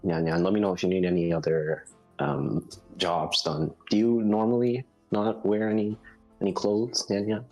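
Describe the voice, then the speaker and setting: A man's voice: fairly low pitch, little pitch movement, normal speed, darkish tone, lo-fi sound. A man improvising dialogue in a tabletop role-playing game, awkward and hesitant, often repeating himself. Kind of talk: casual improvised role-play. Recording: music playing behind the voice.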